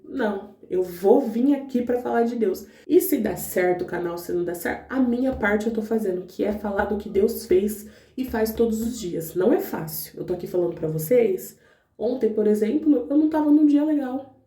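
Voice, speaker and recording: A woman's voice: mid-range voice, dark tone. A woman giving her faith testimony to the camera in casual, earnest talk. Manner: earnest, talks straight to viewers. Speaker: vlogger sharing her testimony. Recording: roomy echo, distant mic.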